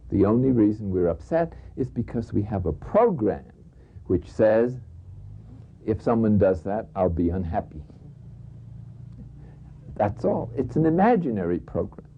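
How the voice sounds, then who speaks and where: Priest man teaching, lively pitch, mellow husky voice, kinda dull lo-fi recording. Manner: reflective, conversational, with soft laughs. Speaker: priest giving a spiritual talk. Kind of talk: spiritual teaching talk with stories.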